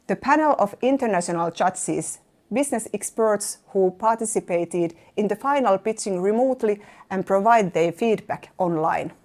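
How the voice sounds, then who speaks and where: A woman's voice: medium pitch, darkish tone. Woman narrating in a formal tone. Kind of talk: scripted narration.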